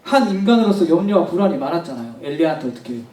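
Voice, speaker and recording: A man's voice: a little high, very animated, very fast, warm tone. A male pastor preaching a sermon, telling a story with emphatic repetition and speaking straight to the congregation. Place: church hall. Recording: echoey hall, mic at a distance.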